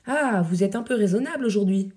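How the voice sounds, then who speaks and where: A woman voicing a kindly, caring nun who speaks softly and hushed, reading verse drama. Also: medium pitch, a little fast, close to an everyday voice. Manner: soft, hushed.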